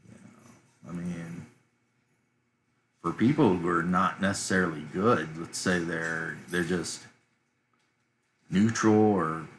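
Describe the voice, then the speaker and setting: Deep-voiced man with a bright, forward tone, casually narrating his map making, relaxed and rambling. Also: takes it slowly, pauses often, a little hiss or hum. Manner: relaxed, rambling, thinking aloud. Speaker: map-making streamer for tabletop games. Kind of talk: casual commentary while drawing a map.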